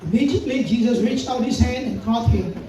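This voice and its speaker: High-voiced pastor preaching in an echoey hall. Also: male voice, fairly quick, warm tone. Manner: preaching, mixing Tagalog and English, reading scripture aloud. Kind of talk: sermon. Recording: very echoey hall, mic far off, faint noise.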